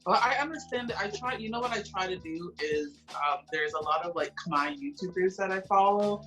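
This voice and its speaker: Casting: American woman, slightly low voice, animated slangy casual talker, music underneath. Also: fairly quick. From United States, Cambodian family. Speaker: interviewer and social media host. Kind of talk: casual chat.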